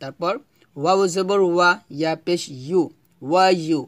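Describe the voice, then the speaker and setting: A man teaching Quran reading, spelling out Arabic syllables one by one and repeating them for learners to follow. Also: high-pitched. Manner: slow, drawn-out syllable-by-syllable recitation, repeating for students to follow.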